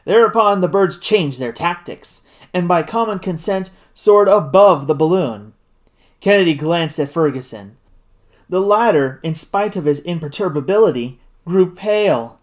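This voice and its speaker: Expressive audiobook narrator. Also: medium pitch. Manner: expressive reading.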